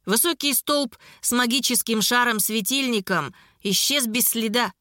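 Bright-voiced woman reading a fantasy novel. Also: on the high side, moderate pace, dry recording, studio quality. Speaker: audiobook narrator. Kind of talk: scripted fantasy narration.

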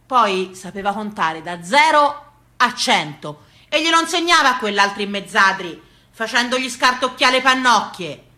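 With a Tuscan accent, a woman performs a storyteller's theatrical monologue about rustic family memories, folksy, emphatic and rhythmic in style. Her rather high voice is expressive and sharp, moving at a moderate pace, in an echoey, roomy recording.

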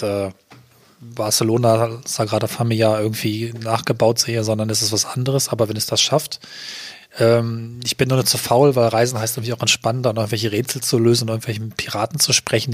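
A man's voice: medium pitch, slightly rough, no room sound, studio quality. A man co-hosting a podcast, musing reflectively in casual talk. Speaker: podcast co-host.

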